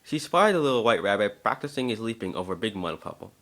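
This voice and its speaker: A man with a somewhat low voice narrates a story in an amateur dramatic reading, now and then stumbling or repeating words. He reads fast, with big swings in pitch and a fairly bright tone.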